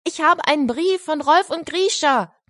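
A woman voicing an excited young boy in a storybook reading, lively and eager. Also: moderate pace, dry recording, clean studio sound, close to an everyday voice. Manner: eager, high and loud.

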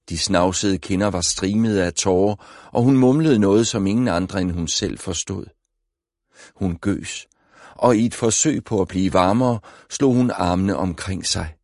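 Low-voiced man narrating an audiobook. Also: darkish tone, no room sound, studio quality. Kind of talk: scripted narration.

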